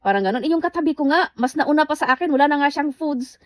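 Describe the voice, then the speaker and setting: Fast-talking woman, animated storytelling. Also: high-pitched, no room sound. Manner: animated storytelling, acting out quoted dialogue. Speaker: vlogger. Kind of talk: casual storytime vlog. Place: indoors, under a blanket.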